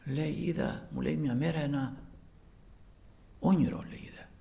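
A man preaching a sermon, moving from quiet storytelling to loud fervent peaks. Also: on the high side, vocal fry. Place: church broadcast live.

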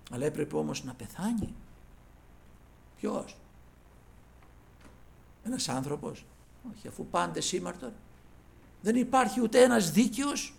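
Preaching a sermon, a man calls his listeners brothers and retells scripture in lofty, old-fashioned language, shifting between loud cries and hushed asides. His high voice is expressive, with vocal fry and long pauses.

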